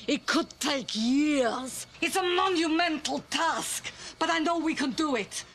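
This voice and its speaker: A performer playing a smug, squeamish psychiatrist with slow, soothing hypnotist patter. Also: sits high, a bit bright. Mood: soothing clinical. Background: music underneath.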